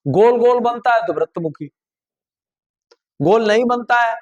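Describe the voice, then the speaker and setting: High-voiced man teaching a grammar lesson. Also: expressive, measured pace, highs cut off. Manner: explains step by step, often asks listeners to try sounds aloud; conversational, repeats and checks with "ठीक". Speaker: Hindi teacher.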